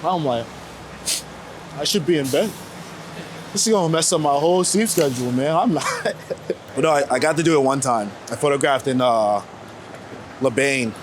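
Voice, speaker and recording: Recorded outside on a New York City street with faint traffic and city ambience, a man in his late twenties talks animatedly at normal speed, pausing often. His pitch is medium. He's a street photographer being interviewed during a casual walk, rambling reflectively in slangy language.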